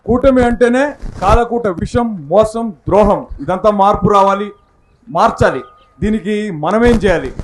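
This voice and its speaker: Male presenter, loud rhetorical street performer patter, notably high, noise and clicks on the recording. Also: moderate pace. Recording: clearly noisy recording with clicks.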